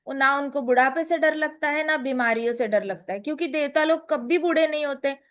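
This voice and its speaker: High-voiced woman telling scripture stories. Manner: lively, playful, mixes in English phrases. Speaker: storyteller of scripture. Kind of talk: casual religious storytelling.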